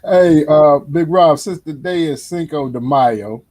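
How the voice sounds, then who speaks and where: Husky-voiced male interviewer. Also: fairly high pitch, a little slow, darkish tone. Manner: brief backchannels and laughing asides. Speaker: interviewer host. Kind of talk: casual interview chat.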